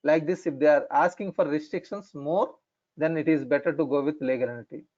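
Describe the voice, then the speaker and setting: A man with an Indian accent explaining things as an instructor in an online lesson, in halting, repetitive phrasing. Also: fairly high pitch, a little mellow. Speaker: instructor in functional finance consulting. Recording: dull, lo-fi online call audio.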